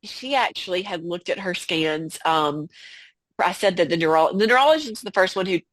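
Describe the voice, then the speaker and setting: A woman guest on a podcast, speaking about a personal loss in a halting way, full of fillers and restarts. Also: lowish voice, animated, no echo. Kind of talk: emotional personal conversation.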